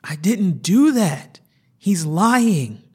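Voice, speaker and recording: A man voicing a volatile, distrustful homeless woman who pleads and then accuses in a strained, high voice. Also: takes it slowly. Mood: shrill accusing.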